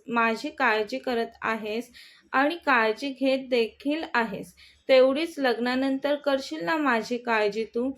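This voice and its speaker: A devoted young woman in love, anxious and pleading, as a woman narrator voices her. Her voice is fairly high and earnest. It comes across as simple storybook dialogue.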